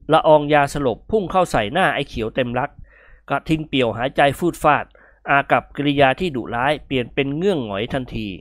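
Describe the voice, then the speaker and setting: A man narrating a comic story aloud in a lively, expressive reading. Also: mid-range voice, dry recording, clean studio sound.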